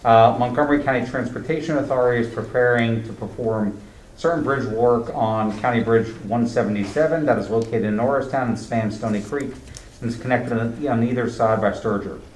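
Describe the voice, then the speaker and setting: A man reading a council resolution aloud in a relaxed manner. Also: mid-range voice, a little hiss or hum. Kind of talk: reading agenda items aloud. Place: council board room. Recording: echoey room, far mic.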